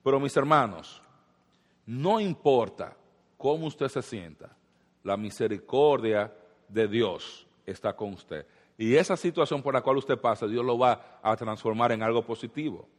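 A man's voice: medium pitch, expressive, measured pace. Male pastor preaching, lots of questions to the crowd, voice rings out in a big echoey hall. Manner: preaching with rhetorical questions and repetition. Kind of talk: sermon. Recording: long hall reverb.

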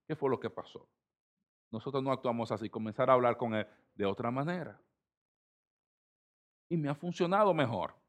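A middle-aged man from the Republic, preaching a sermon with emphatic swings between loud and soft delivery. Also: mid-range voice. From Dominican Republic. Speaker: pastor.

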